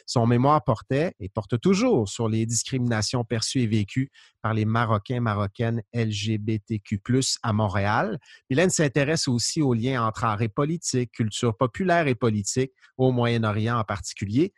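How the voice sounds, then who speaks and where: Friendly podcast host, dry sound. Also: male voice, medium pitch, moderate pace, no echo. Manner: lively and friendly, with restarts. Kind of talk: podcast interview.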